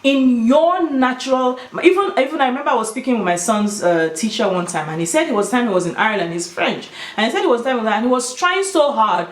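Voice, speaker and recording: A woman's voice: a little high, expressive, fairly quick, few pauses. A woman with a Nigerian Igbo accent talking casually and emphatically to her viewers, giving her opinions. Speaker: video host. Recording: roomy, echoing sound.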